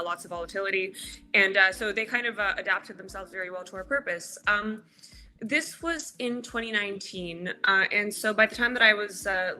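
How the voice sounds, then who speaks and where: A woman guest on a podcast, speaking in casual interview talk, halting with frequent filler sounds. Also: mid-range voice, pushed and bright. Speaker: podcast guest, crypto project cofounder.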